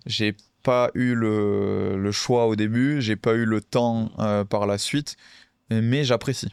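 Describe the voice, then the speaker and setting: Smooth-voiced man chatting casually. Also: on the low side, fairly even intonation, takes it slowly, no room sound. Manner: hesitant, many fillers and restarts. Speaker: podcast co-host, card game player. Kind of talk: casual podcast chat.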